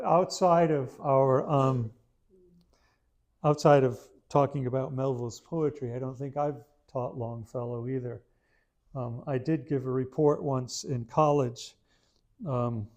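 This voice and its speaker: A man's voice: medium pitch, darkish tone. A man giving a literature lecture to a small live audience, talking in a conversational, self-deprecating way with frequent restarts. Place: room in a historic house with a live audience.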